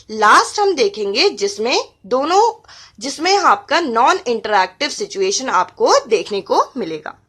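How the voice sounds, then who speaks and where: Lively high-voiced woman teaching. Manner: reads English points slowly, then explains them in Hindi. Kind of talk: exam-prep lesson explaining slides.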